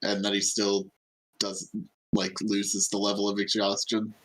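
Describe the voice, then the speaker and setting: A man chatting casually as a tabletop player, quick with jokes. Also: on the low side, completely flat delivery, low-quality recording.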